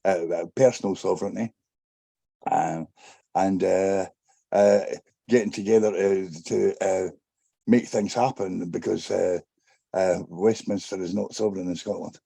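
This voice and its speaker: A man with a very dark, low voice talks haltingly as an interview guest. It is rough and creaky, with long hesitations. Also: fairly even intonation, no echo. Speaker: panel guest. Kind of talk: casual interview talk.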